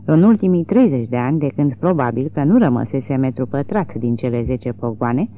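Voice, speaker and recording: An audiobook narrator with a mid-range voice reads a literary novel expressively and dramatically. The recording sounds tinny and narrow.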